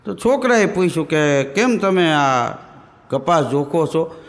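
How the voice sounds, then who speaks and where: High-voiced man telling jokes. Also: animated, measured pace, in a large hall. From Gujarat. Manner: storytelling, switching voices for characters in the jokes. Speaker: stand-up comedian. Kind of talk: Gujarati folk joke telling.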